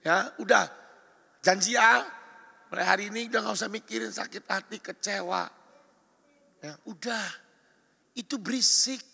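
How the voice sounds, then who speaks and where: A male pastor preaches with a high, gravelly, husky voice. He exhorts emphatically, his bright, forceful tone rising to loud calls and dropping to soft asides. The long reverb of a large hall trails every phrase. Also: fairly even intonation, normal speed, pauses often. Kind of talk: sermon. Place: church or retreat hall.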